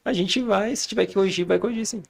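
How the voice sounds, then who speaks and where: Gravelly, fast-talking Brazilian father. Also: high-pitched. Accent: Brazilian Portuguese. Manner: storytelling, acting out family dialogue. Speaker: podcast guest, father and church leader. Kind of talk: casual chat.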